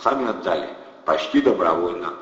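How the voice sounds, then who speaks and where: A man voicing a loud, brash young male hustler who bellows in slang. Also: low-pitched, expressive, fairly quick, reverberant, in a large hall, muffled recording. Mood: boisterous.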